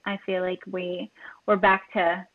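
A woman's voice: on the low side, level tone, a little slow. A woman guest talks earnestly, giving direct and heartfelt advice. Her voice comes through a thin, tinny phone line. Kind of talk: casual chat.

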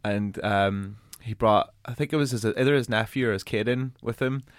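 A man's voice: on the low side, moderate pace, no echo, clean studio sound. A man hosting an interview in a casual, opinionated way, with informal wording and some mild swearing. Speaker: interviewer and show host.

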